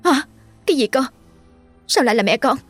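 A woman's voice: high voice, animated, fairly quick, a bit bright, husky, soft background music, pitched above the performer's own voice, heavily acted. A woman voicing an anxious, caring neighbor woman who stammers with hesitant fillers. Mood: nervous.

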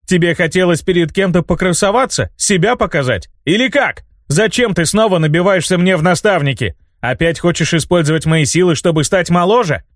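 A man's voice: sits high, expressive, a little fast, few pauses, no room sound, clean studio sound, voice pushed up. A man reading an audiobook voices a defiant young baron who snaps back in an angry, cutting, sarcastic way. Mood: furious. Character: young male baron, defiant and hot-tempered. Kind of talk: audiobook character voice.

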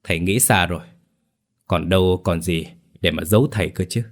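A male storyteller plays an anxious young son. He talks in a nervous, hurried way. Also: deep voice, lightly acted. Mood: flustered.

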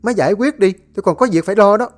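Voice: medium pitch, rapid-fire, pitched above the performer's own voice, lightly acted. A storyteller voicing an impatient young husband brushing off his wife. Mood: dismissive.

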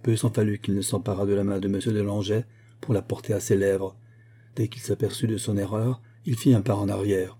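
Male narrator, steady formal storytelling, dark mellow voice, husky, audiobook reading. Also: lowish voice, a little fast. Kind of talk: audiobook reading of a 19th-century tale.

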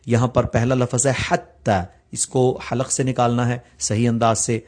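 A man teaching tajweed, explaining the rules plainly and reciting the examples slowly. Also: mid-range voice, flat delivery, a little mellow.

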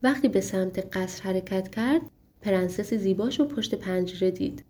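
A woman reading a fairy tale aloud as an audiobook, with steady and expressive storytelling. Her voice is mellow and warm at a middling pitch. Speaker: audiobook narrator. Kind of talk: storybook narration.

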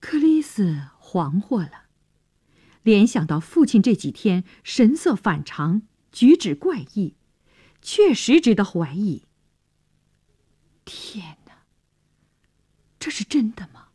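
A woman's voice: mid-range voice, very animated, slow, warm tone, breathy edge, dry recording. A woman telling a story on the radio, narrating expressively and dramatically in a studio.

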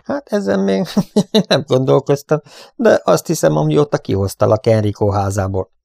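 A man voicing a bold young cowboy hero who speaks calmly and firmly. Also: a little high, vocal fry, no room sound, clean studio sound, voice pushed up. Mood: easy-going. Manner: calm, then icy and firm. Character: bold young male western hero, cool-headed.

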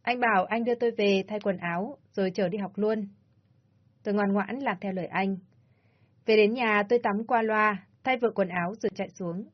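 A woman narrating a first-person story in a soft, subdued storytelling manner. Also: medium pitch, normal speed. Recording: slightly dull lo-fi audio.

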